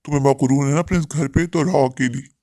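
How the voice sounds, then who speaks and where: A stern, unforgiving husband in a cartoon family drama, voiced by a man. He talks fast in a flat, level tone, cold and firm. The sound is dry and close. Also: fairly high pitch, no echo, natural voice. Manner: cold, firm, rapid delivery. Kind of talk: dubbed Hindi cartoon story.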